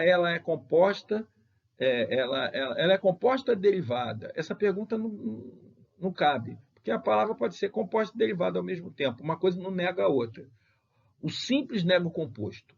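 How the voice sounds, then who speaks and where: A man's voice: sits high, gravelly, darkish tone, husky. A Brazilian man teaching a grammar lesson as he corrects exercises, emphatic, and often mimicking students' objections before he rebuts them. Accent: Brazilian Portuguese. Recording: dull lo-fi lecture recording.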